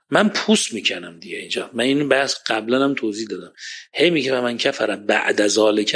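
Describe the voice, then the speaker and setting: A man giving a religious lecture, passionate, swinging between loud emphatic points and quiet asides and reciting scripture verses. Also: medium pitch, slightly rough. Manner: recites Quranic Arabic verses.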